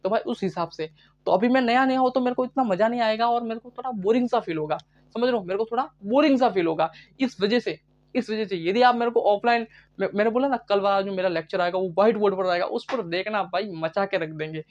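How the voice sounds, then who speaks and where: A male biology teacher gives a live online lecture in a high voice, talking fast, with dull-sounding audio. He chats with students, calling them bhai, poses questions and answers them himself, and repeats every key term.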